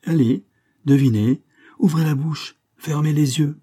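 A man's voice: on the high side, unhurried, dark tone, voice pushed up. A male reader voicing a jovial American man who coaxes and teases. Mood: cheerful.

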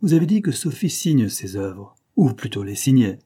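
A man voicing a skeptical, sarcastic gentleman investigator in an audiobook, with a dry, measured delivery. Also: mid-range voice, very animated, breathy edge.

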